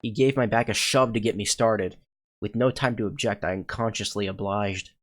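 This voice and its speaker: A man's voice: on the low side, steady tone, moderate pace, natural voice. A man reading scripted first-person horror game narration as an anxious young character. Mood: anxious, hushed suspense. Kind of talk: scripted narration read from a horror visual novel.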